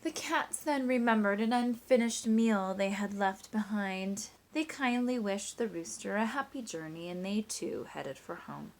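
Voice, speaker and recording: A teacher with a medium-pitched voice reads a picture book with expression, speaking a little slowly and pausing rarely. Her storytime doubles as an easy math lesson, where she leads young children through sums step by step and asks them questions.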